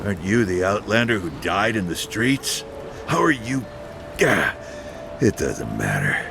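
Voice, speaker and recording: A gravelly, menacing gang boss. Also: male voice, on the low side, very animated, unhurried, background noise, full character voice. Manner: threatening, contemptuous. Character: menacing gruff male gang boss, threatening. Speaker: gang leader. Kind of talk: video game voice acting.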